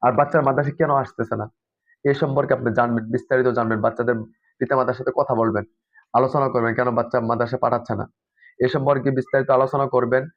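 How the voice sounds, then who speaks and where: A man's voice: medium pitch, little pitch movement, racing, no echo, highs cut off. A man who trains Quran teachers, giving earnest, preachy advice to madrasa teachers and often saying "ha" and "inshallah".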